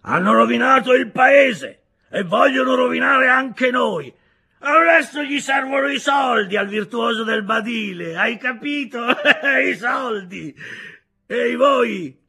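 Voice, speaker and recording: A man voicing a drunk, bullying camp brigade boss who mocks and shouts in a gravelly voice, in a dramatized audiobook reading. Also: extremely high pitch, pitched above the performer's own voice, full character voice. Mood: shouting. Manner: mocking, shouting, laughing, slow and sententious.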